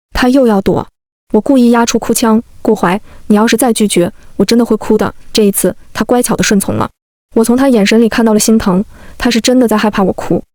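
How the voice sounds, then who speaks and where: A young woman narrates a first-person love story aloud, and she voices every character without changing her own voice. Her voice sits a little high for a woman. It is recorded close and dry, with no room around it. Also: darkish tone, no echo. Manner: plays every character in the same light voice.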